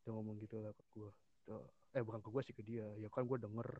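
A man's voice: on the low side, level tone, quick pace. A man telling a personal story in casual podcast chat, slangy, with many restarts and quoted lines. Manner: slangy Jakarta street talk, many restarts. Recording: dull lo-fi sound.

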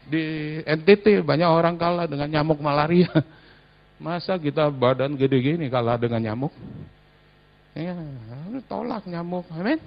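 A middle-aged man, a pastor, preaching a sermon in a church, swinging between soft asides and loud exhortation. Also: fairly high pitch, gravelly, muffled recording. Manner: laughs while telling anecdotes.

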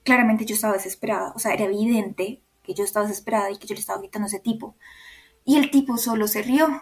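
Speaking quickly with a medium pitch and steady tone, this young podcast host from around Bogotá, Colombia, shares a personal story. She's emotional and candid, leaning heavily on fillers such as "como" and "o sea."

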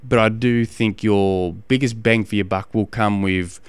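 Smooth low-voiced Australian man, halting. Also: steady tone, dry recording. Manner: halting, repeating phrases as he explains. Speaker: endurance coach and podcast host. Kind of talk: casual advice podcast talk.

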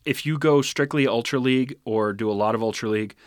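A man's voice: mid-range voice, fast, no room sound. Man, casual gaming podcast chat, rambling and easygoing, dry close sound. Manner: relaxed, rambling, laughs often. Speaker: podcast co-host.

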